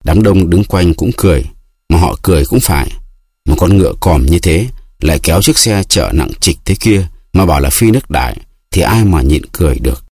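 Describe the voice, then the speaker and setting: A man with a very deep, husky voice reading a classic novel aloud in steady, expressive audiobook narration. The recording is dry and close with no room sound. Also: brisk, no room sound.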